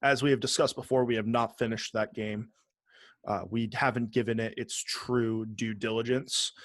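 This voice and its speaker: In a level, medium-pitched voice at a moderate pace, a male podcast co-host goes down a ranked list, commenting casually with some swearing. The recording is dry and cleanly studio-made.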